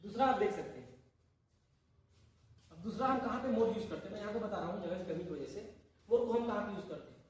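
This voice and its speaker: A male English teacher giving a classroom grammar lesson. He keeps asking questions and answering them himself, and he repeats words slowly. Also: high voice, highs cut off, slight background noise. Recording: very echoey room, voice far from the mic.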